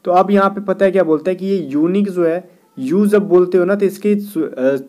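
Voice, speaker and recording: A man runs an exam-prep grammar lesson, explaining in Hindi and reading English sentences slowly word by word. His voice is mellow and dark, sitting a little high for a man. He keeps checking in with the class. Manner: keeps asking "theek hai na" and "kya bhai".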